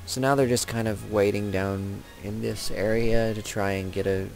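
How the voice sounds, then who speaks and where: A man's voice: on the low side, fairly even intonation, normal speed, creaky, a little mellow. A young man giving casual, rambling commentary over his own video game match, often correcting himself. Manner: chatty, rambling, self-correcting. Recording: game music and sound effects behind.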